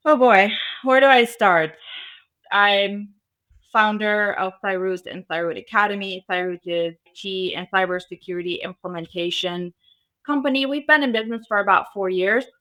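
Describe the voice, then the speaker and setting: Speaking at a moderate pace in a bright, mid-range voice, a woman from an Arabic-speaking country and native Arabic speaker is interviewed on a podcast. She's the guest, founder of a cybersecurity school, and the setting is the Las Vegas area.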